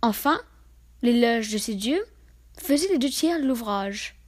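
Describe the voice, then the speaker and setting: A woman with a high voice recites verse fables aloud. Her reading is measured and expressive, shaping each line with care. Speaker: reader.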